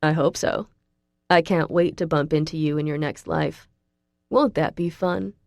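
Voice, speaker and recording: A woman voicing a sadistic male fallen angel who speaks in a smooth, mocking, falsely sweet way. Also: deep voice, steady tone, a little slow, a little mellow, no room sound, studio quality. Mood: gloating.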